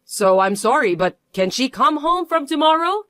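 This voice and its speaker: A reader voicing an older, entitled mother-in-law who is shrill, pushy and indignant in a scripted audio story. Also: very animated, normal speed, a bit bright, no room sound. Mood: indignant, demanding.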